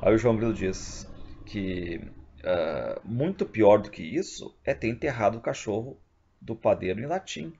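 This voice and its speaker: A male literature teacher giving a video lesson, retelling a play and reading the characters' lines in lively voices. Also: on the low side, measured pace, creaky, a little hiss or hum. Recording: dull, lo-fi recording.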